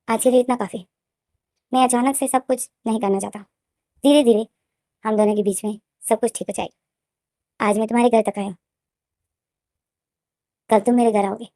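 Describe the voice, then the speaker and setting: A woman voicing a possessive, menacing young male student who talks in a soft, smug, threatening way, in a plainly read story. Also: medium pitch, fairly even intonation, moderate pace, pauses often, dry recording, studio quality, natural voice.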